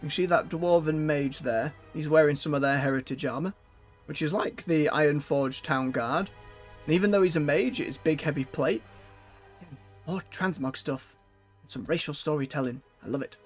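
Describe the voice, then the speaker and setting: A man's voice: on the high side, faint music behind. Chatty male game streamer. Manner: chatty, animated, quick asides. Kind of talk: casual live-stream commentary.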